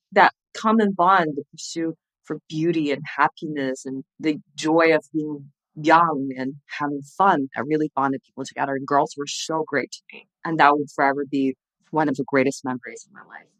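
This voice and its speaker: Interviewed casually on a video call from home, a woman in her thirties from China, a former TV journalist turned entrepreneur, talks in Chinese-accented speech, earnest and reflective with frequent restarts. Her low voice has a fairly bright tone. The desk-distance webcam gives a dry but poor recording.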